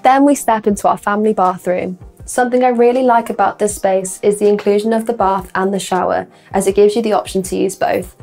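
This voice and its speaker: A woman's voice: medium pitch, fairly even intonation, fairly quick, few pauses, a little mellow, faint music behind. A young woman presenting a scripted house tour as a property presenter, with upbeat, complimentary sales patter. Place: indoor rooms of a furnished house. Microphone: lapel mic.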